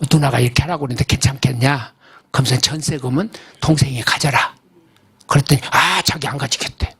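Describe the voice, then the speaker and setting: A man's voice: on the high side, vocal fry, breathy edge. An older man preaching a sermon as a pastor. He tells a story in a folksy, emphatic way and keeps asking the congregation questions. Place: church service.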